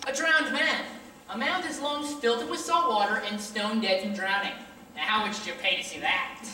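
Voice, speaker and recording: A woman acting a brash male con man who stages fake drownings, pitching with pushy salesman patter on a school stage. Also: a little fast, pushed and bright, slight background noise, lightly acted. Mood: wheedling. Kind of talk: high school stage play. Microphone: far camera. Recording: echoey hall from far off.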